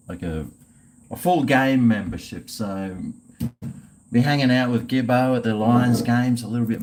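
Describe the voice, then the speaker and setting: A man's voice: mid-range voice, a little mellow. A man with an Australian accent chatting casually on a livestream, rambling and swearing in a blokey way. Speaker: live streamer chatting with viewers.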